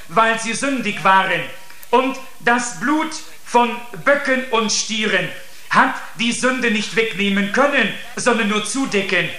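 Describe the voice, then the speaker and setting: Earnest male preacher delivering a sermon, slow and deliberate, roomy sound. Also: high voice, sharp tone. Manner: earnest, addresses listeners with repeated "seht". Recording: echoey room.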